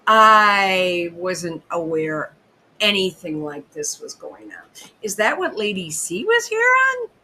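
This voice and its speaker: A woman hosting a podcast, ranting in casual commentary, profane and excitable, often interrupting herself. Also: medium pitch, normal speed, breathy edge, poor audio. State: hiccuping. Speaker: podcast host.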